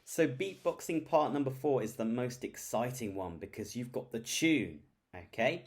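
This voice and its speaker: A man teaching an online singing and beatboxing class, his pitch rising and falling in an animated way. He encourages the group warmly through the steps and counts out beats as he demonstrates. His voice sits at an ordinary middle pitch. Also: normal speed. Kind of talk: upbeat virtual group lesson.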